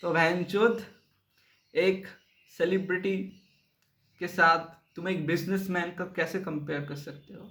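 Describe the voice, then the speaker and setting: A man's voice: sits high, fairly even intonation, measured pace, long pauses, fairly bright tone. A young man giving a heated, mocking and profane commentary rant. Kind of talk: ranting commentary video. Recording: echoey room.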